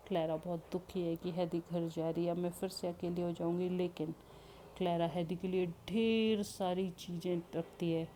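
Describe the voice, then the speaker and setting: A woman's voice: lowish voice, warm tone, slight background noise. A woman telling a children's story expressively, with English words mixed in. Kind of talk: storybook narration.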